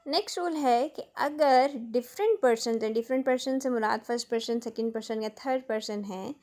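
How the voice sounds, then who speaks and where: Higher-voiced woman teaching grammar. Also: a little mellow. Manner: explains step by step, often checking in with a tag word; reads the English example sentences slowly and carefully. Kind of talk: exam-prep grammar lesson.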